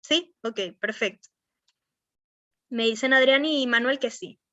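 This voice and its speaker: A young woman teaches an online class in a Venezuelan accent. Her voice sits a little high and sounds bright and sharp, with plenty of fillers and constant check-ins with the students. The dry, dull lo-fi audio has no room sound. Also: measured pace, no echo. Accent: Venezuelan Spanish. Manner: rambling, many fillers like "o sea" and "este". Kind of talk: online class on verbal skills.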